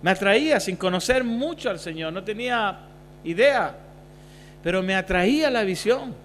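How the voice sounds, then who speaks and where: A male pastor preaching a sermon, moving between quiet passages and loud, emphatic bursts. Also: high-pitched, expressive, normal speed. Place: church hall. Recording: reverberant church hall, faint hum.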